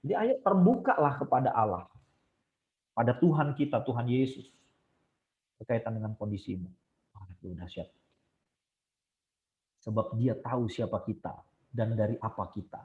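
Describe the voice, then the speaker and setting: A man giving a casual, emphatic Bible study lecture online, his voice jumping high to stress points. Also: animated, moderate pace, pauses often, roomy sound, narrow, tinny audio.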